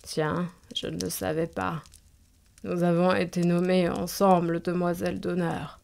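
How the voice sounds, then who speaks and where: A woman voicing an old, haughty and capricious countess in a storybook reading, giving drawn-out commands. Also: lowish voice, little pitch movement, creaky, darkish tone. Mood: imperious.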